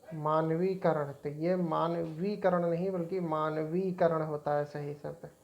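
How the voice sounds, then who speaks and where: A woman's voice: low-pitched, steady tone, slow pace, creaky, darkish tone, lo-fi sound. A woman teaching an exam-prep spelling lesson, repeating each word as she points out right and wrong forms.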